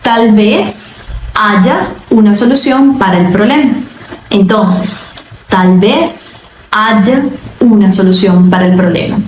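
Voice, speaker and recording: A young woman teaching a Spanish lesson online, explaining in a lively, playful way. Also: medium pitch, slow pace. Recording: echoey room with faint noise.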